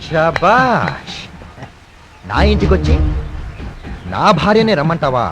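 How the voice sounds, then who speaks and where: An actor playing a jealous, suspicious husband who taunts sarcastically and shouts threats. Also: male voice, high voice, very animated, moderate pace. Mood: furious. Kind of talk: dubbed film dialogue. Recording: film soundtrack with music behind.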